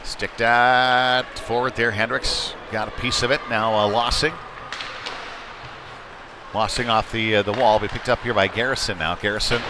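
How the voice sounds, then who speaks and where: Noisy ambience from an indoor ice hockey rink comes through clearly as a man gives live play-by-play of a youth game. His mid-range voice is fairly even in intonation and normal in speed, and he talks in a conversational, slightly hesitant way.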